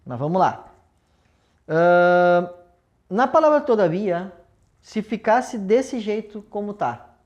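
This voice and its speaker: A woman's voice: medium pitch, animated, slow, pauses often, a little mellow, lo-fi sound. Woman teacher, patient step-by-step explainer, affectionate with students, whiteboard lesson. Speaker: language teacher. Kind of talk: recorded video lesson at a whiteboard.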